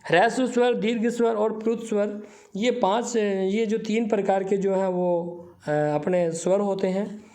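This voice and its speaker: A man's voice: high voice, a little mellow, reverberant. A man teaching a Sanskrit grammar lesson for exam preparation, reciting definitions and then explaining them plainly, drawing out vowels to show the sounds. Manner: drawn-out vowels when demonstrating sounds.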